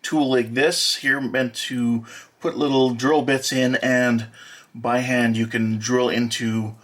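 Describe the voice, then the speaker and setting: A man walking through an unboxing as a hobby model builder, talking in a plain, matter-of-fact way with many filler pauses. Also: mid-range voice, flat delivery, a bit bright. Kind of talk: unboxing walkthrough.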